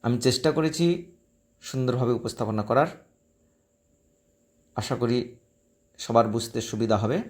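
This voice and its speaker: A man teaching a Sanskrit text in a recorded lesson, slowly reciting each phrase syllable by syllable and then explaining it. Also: mid-range voice. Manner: slow, careful syllable-by-syllable recitation.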